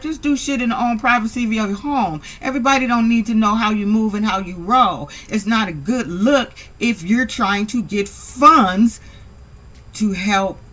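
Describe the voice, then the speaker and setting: A casual reality TV recap vlog, delivered in a voice of ordinary middle pitch. The speaker is blunt and heavily profane, with sassy, exasperated asides throughout. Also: fairly bright tone. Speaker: reality show recap vlogger.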